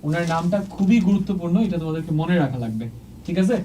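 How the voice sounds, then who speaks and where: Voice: mid-range voice, lively intonation, quick pace, warm tone, distant mic, a little hiss or hum, poor audio. Teacher checking in with okay at every step. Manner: mixes English words into speech. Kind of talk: exam-prep lecture at a board.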